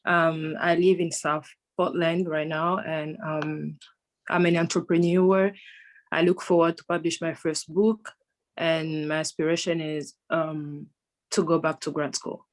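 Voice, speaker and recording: A woman's voice: sits low, flat delivery, unhurried. A woman introducing herself on a video call in a brief, casual way.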